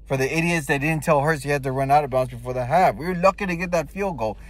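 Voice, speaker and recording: A man's voice: on the high side, quick pace, no room sound. A man giving casual sports fan commentary in a blunt, emphatic way, with slang and swearing. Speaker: football fan giving game reaction.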